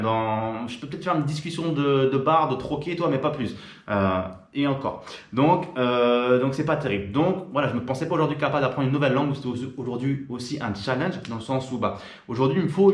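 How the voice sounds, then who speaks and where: A French man talks straight to the camera in a quick, informal patter, full of fillers and restarts. His pitch sits mid-range. The voice bounces around a roomy, echoing space. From France. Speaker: YouTuber. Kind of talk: casual direct-to-camera talk.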